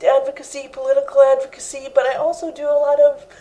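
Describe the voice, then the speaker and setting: A young woman with a high, mellow voice and a flat, even delivery, speaking earnestly as an interview guest. She is recorded indoors on a lapel mic. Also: quick pace, rough recording. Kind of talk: interview answers. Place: living room set indoors.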